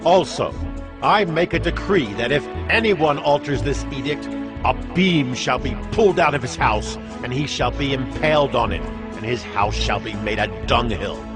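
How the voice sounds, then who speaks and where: In a dramatized Bible reading with music underneath, a man voices an imperious Persian king announcing a decree with stately command. His delivery is medium-pitched, moderately paced and lightly acted.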